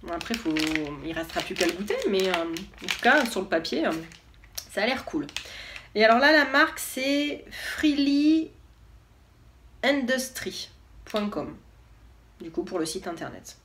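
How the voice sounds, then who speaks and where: A woman's voice: mid-range voice, lively intonation, a little fast, a bit bright, slight background noise. A woman vlogger chatting casually and enthusiastically as she unboxes products, with lots of hesitation fillers.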